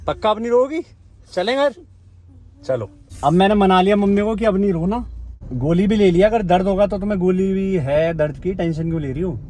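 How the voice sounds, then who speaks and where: High-voiced chatty male vlogger. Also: fairly quick, mellow. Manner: chatty, coaxing and consoling. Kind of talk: casual vlog chat.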